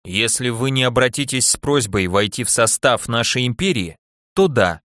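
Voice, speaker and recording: A man voicing a calm, unflappable male alien ambassador in an audiobook, speaking in a measured, matter-of-fact way. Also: mid-range voice, no room sound, studio quality, lightly acted.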